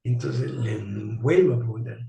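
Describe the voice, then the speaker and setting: A man's voice: mid-range voice, normal speed, creaky, warm tone. A man telling a personal story as an interview guest. He acts out the dialogue in it. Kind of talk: storytelling anecdote. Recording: roomy, distant mic.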